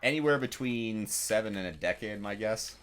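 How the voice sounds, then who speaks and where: A man's voice: fairly low pitch, lively intonation, normal speed, a bit bright, slight background noise. A man chatting casually while gaming, rambling and hesitant with lots of fillers and slang.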